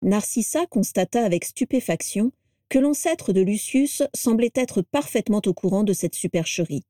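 A woman reading a story aloud in steady, expressive audiobook narration. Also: medium pitch, moderate pace, dry recording, clean studio sound.

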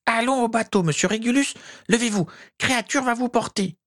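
A fretful old house-elf servant, voiced by a woman speaks in a creaky, grating voice, pitched above a plain adult's. He calls himself by name in the third person and begs his master, the whole time anxious and devoted, as in an audiobook character reading. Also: brisk, close to an everyday voice. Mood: urgent.

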